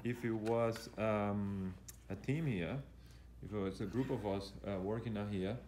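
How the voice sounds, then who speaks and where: A fitness coach with a lowish, dark voice speaks steadily and a little slowly, explaining exercises live while they are demonstrated. His teaching style is tentative and repetitive. He records on a handheld camera in an indoor gym, where the room echoes and faint noise lingers in the background.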